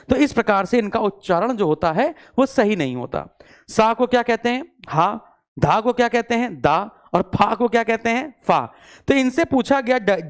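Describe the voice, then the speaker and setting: Male teacher quizzing his class. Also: high-pitched. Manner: repetitive call-and-response questioning; mixes English words into speech. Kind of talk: online exam-prep lecture.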